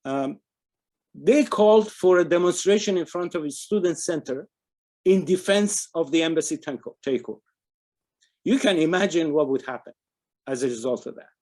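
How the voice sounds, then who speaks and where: An older man from Iran speaks with a slightly raised pitch. He talks earnestly as a panel speaker in a webinar, telling a memory with fillers and frequent restarts. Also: expressive, moderate pace, darkish tone. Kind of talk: webinar talk recounting a memory.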